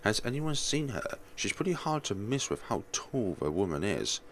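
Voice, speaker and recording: A man's voice: lowish voice, very animated, moderate pace, slight background noise. A man voicing a fussy, vain, sardonic rich man from a visual novel in a theatrical, pompous grumble. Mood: worried.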